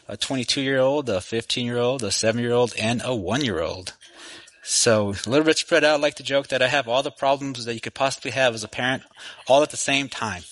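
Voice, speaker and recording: Guest preacher in his forties, forceful tone, chatty delivery, repeats himself as he goes. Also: mid-range voice, poor audio. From Texas. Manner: friendly, conversational with frequent restarts. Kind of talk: sermon. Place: church sanctuary. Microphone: microphone.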